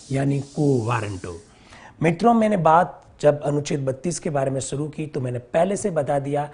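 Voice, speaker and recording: A man teaching an exam-prep lecture, who repeats key terms slowly and asks and answers his own questions. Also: on the high side, warm tone, husky.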